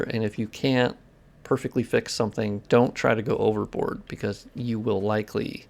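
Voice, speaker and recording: A man's voice: medium pitch, vocal fry. A man streaming gameplay live, talking casually with his viewers, swearing freely and explaining technical details between reactions. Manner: casual and profane, chatting with viewers while playing. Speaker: game streamer.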